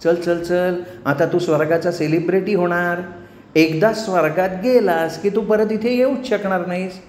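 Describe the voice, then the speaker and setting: A man's voice: fairly even intonation, normal speed, roomy sound, slight background noise, natural voice. A man voicing a seductive celestial nymph woman, speaking sweetly and coaxingly in a storytelling performance. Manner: sweet, coaxing, falsetto-ish.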